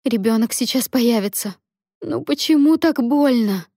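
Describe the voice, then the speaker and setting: A woman's voice: on the high side, expressive, a little slow, mellow, no echo, studio quality, pitched above the performer's own voice. A woman reading an audiobook voices a young woman in labor who cries out in pain and snaps at her husband. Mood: pained, frantic. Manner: strained, crying out, snapping.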